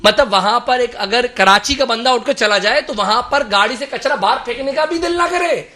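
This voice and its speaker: Guy from karachi on a talk show, really high voice, fired up and emphatic. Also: pushed and bright. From Karachi, Pakistan. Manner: impassioned, emphatic, rhetorical. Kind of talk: political talk show discussion.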